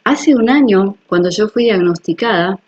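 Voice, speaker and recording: A woman's voice: medium pitch, animated, moderate pace, a little mellow, breathy edge, dull audio. A woman hosting her own video, explaining things to viewers in an earnest, personal way and checking that they follow. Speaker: health video host. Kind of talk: casual explanatory talk to viewers.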